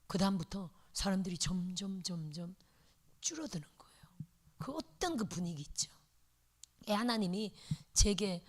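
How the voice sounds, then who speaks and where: A middle-aged woman pastor giving a sermon lecture, telling stories in an animated way with playful sound words. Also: a little high.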